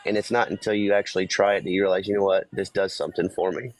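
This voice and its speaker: A man's voice: sits low, little pitch movement, fast talker, poor audio. A man co-hosting a casual live conversation, plainspoken and reflective, explaining things through everyday examples. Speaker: co-host of a live online talk show.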